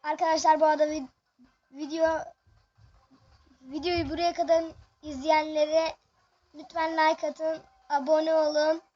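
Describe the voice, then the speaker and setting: A gaming video host giving excited, chatty live commentary on a match and talking straight to the viewers. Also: high-pitched, a little slow, long pauses, highs cut off.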